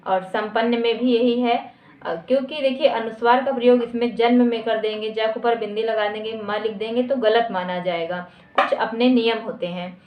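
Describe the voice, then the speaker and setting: A woman teacher giving a grammar lesson at a board. She asks her students questions and answers them herself, and she repeats each definition slowly. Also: a little high, fairly even intonation. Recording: echoey dull lo-fi room recording.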